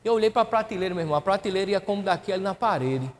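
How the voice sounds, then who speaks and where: A man preaches a sermon in a raised, high voice. He tells his story with emotion and acts out each exchange. The sound carries a long church-hall reverb. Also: animated, rapid-fire. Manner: emotional storytelling, acting out dialogue. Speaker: pastor.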